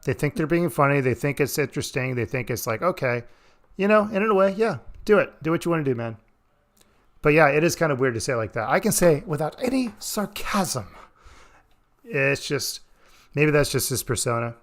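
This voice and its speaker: A man's voice: mid-range voice, brisk. A man giving casual, rambling reaction commentary on a stream, swearing freely. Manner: rambling, profane, laid-back.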